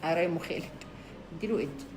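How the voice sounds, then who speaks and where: A woman's voice: lowish voice, racing, background noise. A woman with an Egyptian Arabic accent chatting casually on a live stream, reading out viewers' names and teasing them playfully.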